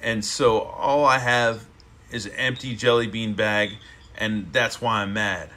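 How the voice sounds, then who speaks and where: A man's voice: lowish voice, fairly even intonation, measured pace, sharp tone. A man voicing a young boy who grumbles indignantly about his lost jelly beans, read aloud from a storybook. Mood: grumbling.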